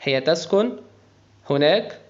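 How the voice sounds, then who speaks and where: A man with an Egyptian Arabic accent teaches beginners, slowly spelling out each word one sound at a time. His voice sits a little high, and he takes an unhurried pace. The recording is dull and lo-fi. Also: lively intonation. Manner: slow, spells out pronunciation letter by letter. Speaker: French teacher. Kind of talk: beginner language lesson.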